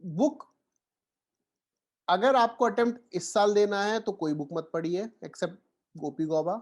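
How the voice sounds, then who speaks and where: Indian male tutor, slightly high voice, code-switching Hindi-English, reassuring online lecture delivery. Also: a little mellow. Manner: Hindi-English code-switching, frequent "theek hai" check-ins; encouraging, reassuring students. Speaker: teacher.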